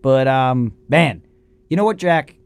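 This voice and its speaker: A man co-hosting a casual sports talk show, animated and opinionated as he reasons aloud. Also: medium pitch, takes it slowly, smooth. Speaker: sports radio co-host.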